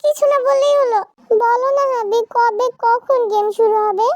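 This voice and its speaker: Woman voicing a pestering child bride, shrill, nagging, storybook style. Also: normal speed, a little mellow, no room sound. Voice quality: whiny, insistent questioning. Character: bratty little girl bride, naive and chatty.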